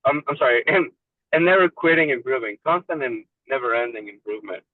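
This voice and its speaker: A man's voice: mid-range voice, lively intonation, a little fast, dry recording. A man from Mexico calling in on a car speakerphone while driving, telling his story in a candid, loose way. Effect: car speakerphone call. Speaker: support group member. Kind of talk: casual personal story. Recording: tinny phone line, distant mic in a car.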